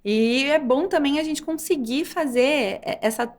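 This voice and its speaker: A woman's voice: high-pitched, measured pace. A woman with a Brazilian accent, a guest doctor and mother, speaking in a thoughtful, reflective way in a casual podcast chat. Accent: Brazilian Portuguese.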